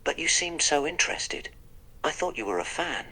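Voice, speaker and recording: A man's voice: on the high side, animated, normal speed, bright, forceful tone, slightly rough, full character voice, rough recording. A man voicing the Doctor, a wry, polite eccentric time traveller, in a text-to-speech role-play that narrates his own actions.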